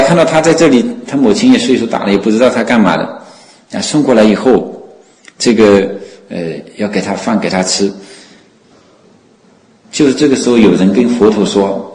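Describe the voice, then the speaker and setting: Man, sermon storytelling, low voice, chatty fillers and exclamations, roomy echo. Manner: animated, full of fillers and exclamations.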